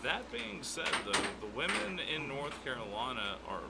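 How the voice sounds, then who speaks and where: A man of middling pitch co-commentates casually on live sport. His intonation moves around a lot and his banter is wry. Very loud room noise surrounds his voice. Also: very animated, moderate pace, vocal fry. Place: indoor venue during a live match. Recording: very noisy room, clicks and door sounds.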